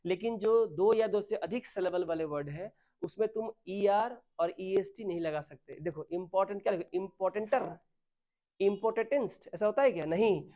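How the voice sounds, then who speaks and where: Speaking at a moderate pace in a warm voice that sits high, a male grammar teacher blends English words into his Hindi. He quizzes his students and then supplies the answers himself.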